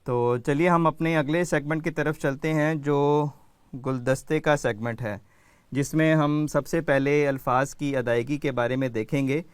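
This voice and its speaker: Smooth-voiced man hosting a children's quiz. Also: a little high, steady tone, no room sound. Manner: patient, calls on children by name. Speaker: children's program host.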